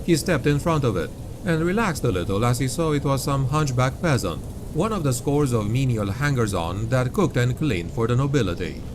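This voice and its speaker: A man reading grimdark fantasy as an audiobook narrator, with grave, dark, dramatic storytelling. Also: medium pitch, animated, moderate pace, hardly any pauses, noisy background. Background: music.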